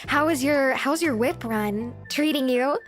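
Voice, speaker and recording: A woman's voice: high voice, unhurried, soft background music. A woman hosting a casual livestream, chatting to viewers in a cute, giggly anime-streamer manner. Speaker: livestream host.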